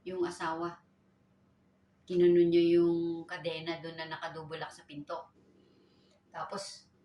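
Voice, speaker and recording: Filipino woman recounting her own story, lively quoting, roomy distant sound with faint background. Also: slight background noise. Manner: animated retelling, raising pitch for quoted lines. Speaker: domestic worker telling her story. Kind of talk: personal storytelling.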